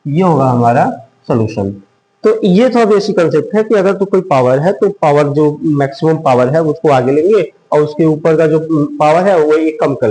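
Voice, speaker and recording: A man's voice: a little high, darkish tone, reverberant, rough recording. A man teaching a math lesson step by step, asking himself questions as he works through each problem. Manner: slow, step-by-step explaining with rhetorical questions.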